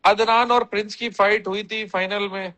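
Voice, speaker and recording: A man's voice: sits high, flat delivery, normal speed, bright, forceful tone. A man on a casual livestream, reading viewer comments aloud and answering them bluntly with plenty of slang.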